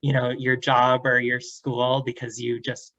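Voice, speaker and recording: A man's voice: mid-range voice, completely flat delivery, measured pace, fairly bright tone, no room sound. A man hosting a casual interview, asking long, rambling questions full of fillers and short backchannels. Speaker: interviewer, host. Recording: dull dry audio.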